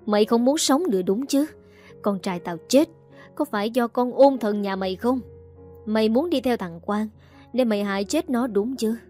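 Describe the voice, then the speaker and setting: A woman voicing a furious older mother-in-law who screams insults in a fast, harsh rant. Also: on the high side, dark tone, faint music behind, close to an everyday voice. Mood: enraged.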